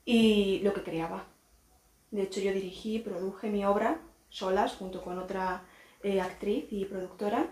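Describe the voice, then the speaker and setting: A woman's voice: mid-range voice, moderate pace, a little mellow. A woman, an actress, talking openly and reflectively as a guest in a casual podcast chat. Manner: open and reflective, laughs easily. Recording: roomy echo.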